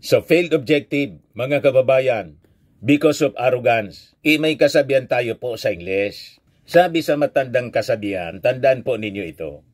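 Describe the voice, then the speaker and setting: A man's voice: mid-range voice, animated, normal speed, darkish tone. A middle-aged Filipino man giving opinionated news commentary in a scolding, preachy way, reading headlines aloud between his own remarks.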